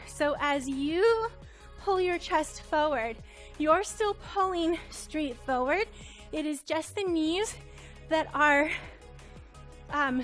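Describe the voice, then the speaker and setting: A woman's voice: sits high, a bit bright. A woman instructor cueing a Pilates workout, counting reps and encouraging, a little out of breath. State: slightly out of breath.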